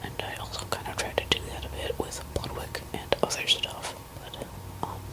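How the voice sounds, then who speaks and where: A woman rambling hesitantly in a barely audible, unvoiced ASMR whisper, pausing mid-thought. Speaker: musician talking to listeners.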